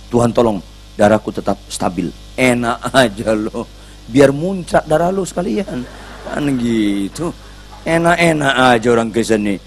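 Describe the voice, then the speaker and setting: A male pastor preaching a sermon in a blunt, scolding, slangy manner, acting out the people in his stories. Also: a little high.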